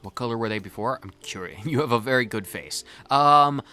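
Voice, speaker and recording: A man's voice: medium pitch, expressive, brisk, sharp tone, faint music behind. A man hosting a gaming video with casual, rambling commentary, jokingly talking back to the characters. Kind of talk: casual let's play commentary.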